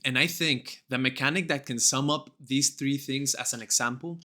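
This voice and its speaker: A man's voice: medium pitch, normal speed, noisy background. A young man narrating a scripted gaming video in an enthusiastic, gushing and informal way.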